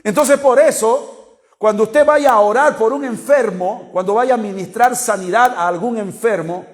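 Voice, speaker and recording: A man preaching a sermon, explaining scripture slowly and comparing several Bible versions as he reads. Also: high-pitched.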